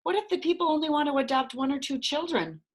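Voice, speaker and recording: A woman's voice: sits high, fast talker, pitched above the performer's own voice, natural voice. A woman voicing a shy young orphan girl in a storybook reading, in a raised, pleading voice. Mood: anxious.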